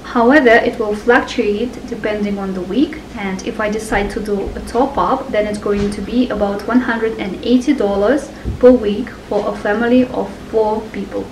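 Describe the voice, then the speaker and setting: A woman's voice: mid-range voice, fairly even intonation, moderate pace, hardly any pauses, darkish tone, a little hiss or hum, poor audio. A woman hosting a cooking channel, giving a grocery haul voice-over and listing each item and its price carefully.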